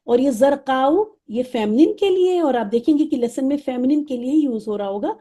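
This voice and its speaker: A woman teaching an Arabic lesson, patient and repeating each word slowly, with English terms in her explanation. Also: high voice, expressive, mellow. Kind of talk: online lesson, explaining vocabulary.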